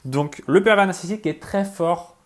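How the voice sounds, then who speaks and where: A man who works as a relationship coach, explaining in a casual video talk, talking fast, full of fillers and restarts, often checking in with "ok?". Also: high voice. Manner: talks fast.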